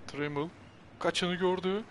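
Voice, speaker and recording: A young man giving excited live commentary on a football video game, repeating his phrases urgently. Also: high voice, measured pace. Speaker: gaming streamer. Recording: clear game crowd noise behind.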